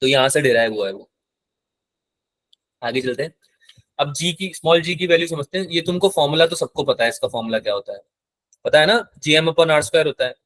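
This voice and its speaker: A male physics teacher lectures, switching between Hindi and terms. His voice sits a little high, and the sound is dry and close. He keeps stopping to quiz his class. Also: lively intonation, a little fast, long pauses, fairly bright tone, no echo. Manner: asks the class frequent check questions; mixes English terms into Hindi.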